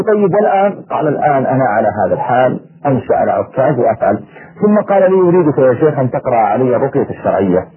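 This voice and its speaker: Guy preaching fast and fired up, acting out the dialogue, sounds like an old tinny radio. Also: mid-range voice. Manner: impassioned, acts out dialogue. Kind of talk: sermon.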